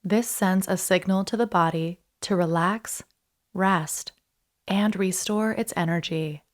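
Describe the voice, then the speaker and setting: A woman instructor leading a guided breathing meditation in a soothing, unhurried way, leaving pauses between short instructions. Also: fairly low pitch.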